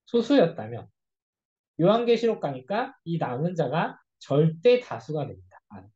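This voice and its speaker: A church youth group leader teaching a casual Bible study lecture, telling stories in an animated way and acting out quoted speech. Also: mid-range voice, moderate pace, husky, lo-fi sound.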